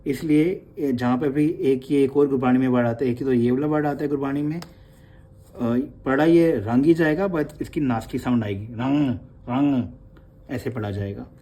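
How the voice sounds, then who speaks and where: A man teaching a class on the letters of the script, calm and patient. He says each sound over and over so learners can copy it, and drops English words into his explanations. His voice is mellow and sits at an everyday pitch. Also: moderate pace. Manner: opens with soft, low devotional recitation. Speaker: Gurmukhi teacher. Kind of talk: online class lesson.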